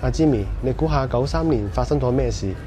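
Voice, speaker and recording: A man with a Cantonese accent talks quickly and wryly as he tours a street at night, teasing his companion and offering opinions. His voice sits at a middle pitch. Loud bar music thumps behind him. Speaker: vlog host. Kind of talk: walking tour commentary. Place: busy nightlife street outdoors. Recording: music blaring from street bars.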